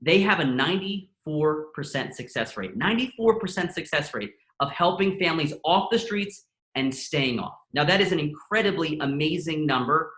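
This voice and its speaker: Male host with a bright, higher voice, excitable and self-mocking, in an echoey room. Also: moderate pace. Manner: self-deprecating, joking, excitable. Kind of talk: live comedic hosting.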